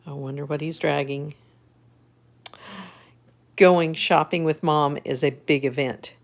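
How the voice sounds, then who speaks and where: An older woman with an elderly voice reads a children's book aloud as a grandmother would, in an unhurried, folksy way with chatty asides. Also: sits low, steady tone, gravelly.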